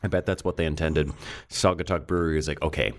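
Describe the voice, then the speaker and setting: A man with a very deep voice co-hosts a casual beer-tasting podcast. He talks in a laid-back, joking way, stretching out his stories with easy asides. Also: flat delivery, quick pace. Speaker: podcast co-host.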